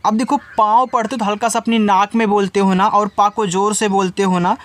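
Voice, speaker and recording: A man's voice: sits high, level tone, brisk, a bit bright. A man teaching English reading, spelling words out letter by letter in a patient, casual way. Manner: patient step-by-step explaining, casual asides to students.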